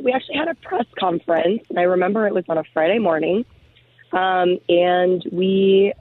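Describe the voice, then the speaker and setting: A woman's voice: fairly low pitch, dry recording. Woman on a tinny AM-radio-like phone line. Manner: chatty, many fillers like um and you know. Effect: narrow lo-fi phone-line sound, like AM radio. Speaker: program founder, radio guest. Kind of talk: casual radio interview. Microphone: phone call into the studio.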